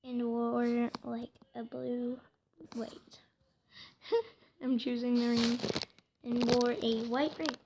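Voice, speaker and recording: A woman telling a home-made story casually, hesitant and soft, often slipping into whispers, with faint noise behind her. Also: on the high side, little pitch movement, takes it slowly, pauses often.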